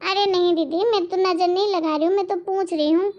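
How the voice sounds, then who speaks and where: A patient young cartoon wife speaks in a very high, soft, pleading voice. She keeps trying to smooth things over. The recording sounds dull and lo-fi. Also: fairly even intonation, brisk. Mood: placating. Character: meek polite young wife, gentle and patient. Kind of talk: animated cartoon voice acting.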